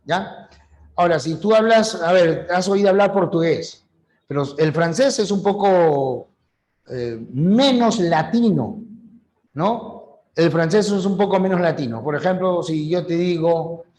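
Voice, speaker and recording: A man's voice: sits high, a little slow, darkish tone. A middle-aged man, teaching a language class in a chatty way, asking questions and answering them himself. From Peru. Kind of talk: online class lecture.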